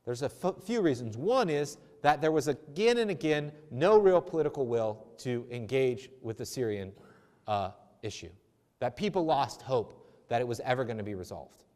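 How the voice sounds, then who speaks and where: A man, a theology lecturer, answering audience questions in a conversational, discursive way with self-deprecating asides and frequent restarts, speaking in a chapel. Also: medium pitch. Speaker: theology lecturer giving a talk. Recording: long chapel reverb.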